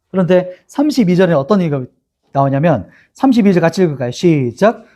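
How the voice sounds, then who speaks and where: Lively pastor guy teaching the bible, pitch jumps all over, warm kinda husky voice. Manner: animated, asks the congregation questions, reads scripture aloud together.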